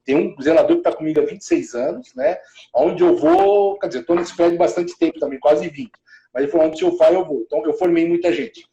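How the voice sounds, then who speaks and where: A man's voice: a little high, expressive, brisk, dark tone, muffled recording. Man telling his career story, roomy sound. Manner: rambling, with many restarts and fillers. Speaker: professional building manager, interview guest. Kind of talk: casual interview storytelling. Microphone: video call.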